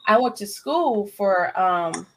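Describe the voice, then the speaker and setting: Woman, thirties, talk-show guest, loose and chatty, mid pitch. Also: lively intonation, takes it slowly, a bit bright, a little hiss or hum. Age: 30s. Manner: chatty, laughs often, uses lots of fillers. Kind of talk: casual chat.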